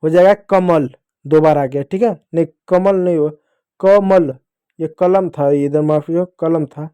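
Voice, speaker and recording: Slow, patient teacher, higher voice. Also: male voice, mellow, smooth. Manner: slow, patient, repeats each step. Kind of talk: spelling lesson for children.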